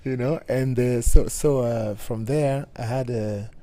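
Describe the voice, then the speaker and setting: Cameroonian man with a mellow voice. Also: mid-range voice, fairly even intonation. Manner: halting, many restarts, laughs easily. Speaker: guest bassist. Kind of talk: casual interview talk.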